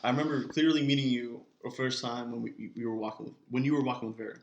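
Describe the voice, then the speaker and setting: A nineteen-year-old man from California co-hosting a casual podcast chat, relaxed and slangy as he tells stories. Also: medium pitch, fast talker, lo-fi sound. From California, USA. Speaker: podcast co-host.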